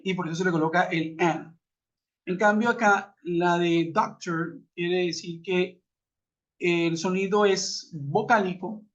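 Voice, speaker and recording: A man teaching an English lesson in an online class, explaining patiently and asking rhetorical questions over a web conference. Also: sits high. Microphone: computer mic on a video call. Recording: muffled web conference audio.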